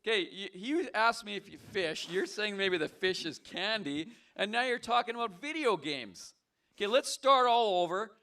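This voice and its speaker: A man's voice: high-pitched, expressive, normal speed, bright, forceful tone. Bemused male call-in host. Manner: dry, bemused and teasing. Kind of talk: casual call-in show hosting.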